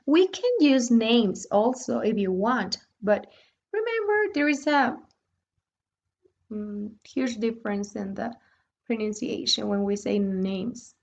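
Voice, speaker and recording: A woman's voice: on the high side, muffled recording. A woman whose first language is Spanish, teaching an English grammar lesson as a virtual tutor and explaining the rules step by step in both languages.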